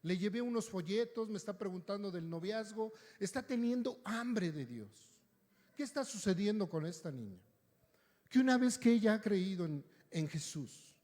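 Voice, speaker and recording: A male pastor tells stories as he preaches, keeping it conversational and frequently checking in with those listening. His voice is high-pitched and mellow, set against long hall reverb.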